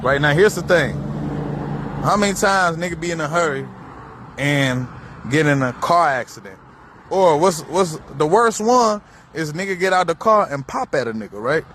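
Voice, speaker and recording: A man's voice: on the high side, animated, normal speed, fairly bright tone. A man talking in a rambling, profane outdoor monologue, musing on spirituality and repeating himself as his thoughts drift. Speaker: vlogger. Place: outdoors beside a busy road. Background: faint passing traffic.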